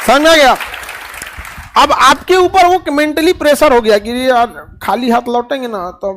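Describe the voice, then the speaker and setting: A man's voice: very high-pitched, moderate pace, a bit bright, some chatter behind, a little hiss or hum. A middle-aged man giving a classroom motivational talk to students, full of rhetorical questions and playful mimicked dialogue. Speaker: teacher addressing students.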